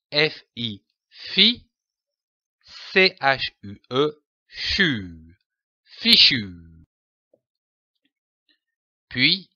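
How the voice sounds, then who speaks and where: A man teaching pronunciation in a slow, deliberate lesson, spelling out letters and syllables one by one. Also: on the high side, bright, forceful tone, dry recording. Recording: dry, dull lo-fi voice-over.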